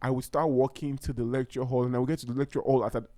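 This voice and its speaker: Young man, from Nigeria, podcast host, earnest and rambling, middle-pitched, close dry sound. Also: fairly even intonation, very fast, warm tone, dry recording. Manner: heartfelt, rambling, with many restarts. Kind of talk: casual solo podcast talk.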